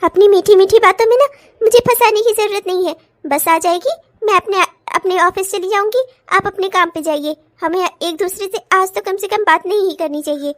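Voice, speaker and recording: A woman's voice: extremely high pitch, normal speed, no room sound, studio quality. [name], woman voicing a fed-up young wife. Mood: upset. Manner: sharp scolding. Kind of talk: cartoon voice acting.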